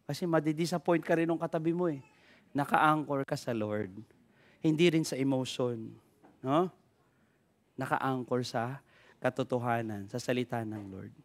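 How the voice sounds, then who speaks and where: A man's voice: medium pitch, moderate pace, long pauses. A Filipino pastor preaching energetically, calling out to his congregation and switching freely between Tagalog and English. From Philippines. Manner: energetic preaching with repeated call-outs to the congregation. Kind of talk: sermon. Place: church.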